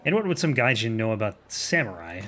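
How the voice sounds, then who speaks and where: A man's voice: lowish voice, sing-song, a little fast, bright, forceful tone, faint music behind. A man voicing a crude, bullying middle-aged samurai who hurls sneering threats. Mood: mocking.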